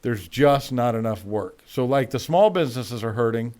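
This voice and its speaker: A man's voice: mid-range voice, expressive, normal speed, a little mellow. A man hosting a talk radio show, chatting casually and reading quotes aloud to his co-host. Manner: reads quotes aloud, conversational.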